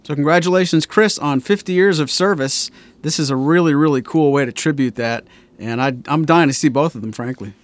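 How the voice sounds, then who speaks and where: A man co-hosting a podcast in casual chat, asking questions and steering the conversation briskly. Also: fairly high pitch. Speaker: podcast co-host.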